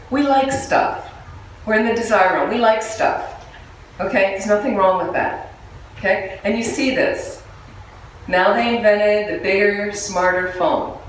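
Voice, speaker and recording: A woman's voice: medium pitch, distant mic, a little hiss or hum. A woman giving a Buddhist dharma talk to a group. She speaks conversationally and with humour, often putting questions to her listeners. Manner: conversational, humorous, asks the audience questions. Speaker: Buddhist nun and teacher. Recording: echoey room, voice from away from the mic, faint background ambience.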